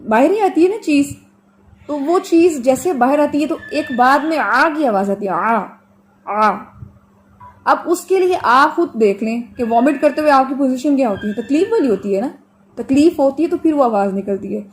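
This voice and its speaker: Patient woman tajweed teacher, higher voice. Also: expressive, a little hiss or hum. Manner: patient, explains with homely examples, drills sounds slowly; stretches model sounds slowly for students to copy. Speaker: Quran recitation teacher. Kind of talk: online tajweed lesson.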